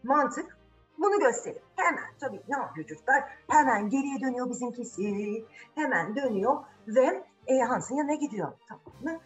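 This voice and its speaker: The recording is rough, with soft music behind a woman whose high voice moves at a moderate pace with lively intonation. As a children's storyteller and channel host, she recounts a fairy tale dramatically and conversationally, using rhetorical questions and repeated phrases for suspense.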